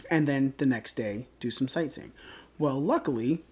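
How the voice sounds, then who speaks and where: A man's voice: medium pitch, moderate pace, a little mellow, breathy edge. A man co-hosting a podcast, telling a trip story in loose casual chat with swearing. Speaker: podcast co-host.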